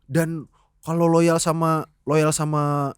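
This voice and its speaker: A young man, chatting as a podcast guest, an animated storyteller who laughs often and mixes in English phrases. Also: on the high side, takes it slowly, smooth, no echo, studio quality. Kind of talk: casual chat.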